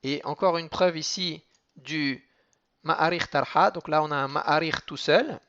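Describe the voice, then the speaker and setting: A man's voice: a little high, fairly bright tone, lo-fi sound. Man teaching cantillation, chanting examples. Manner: explains rules step by step, then chants Hebrew examples slowly. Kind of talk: explanatory lesson with chanted examples.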